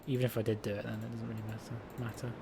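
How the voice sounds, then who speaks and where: Playing a puzzle game on stream, a man with a lowish, creaky voice races through flat, rambling commentary, frequently cutting himself off and beginning again. The background is noisy, with game music loud underneath.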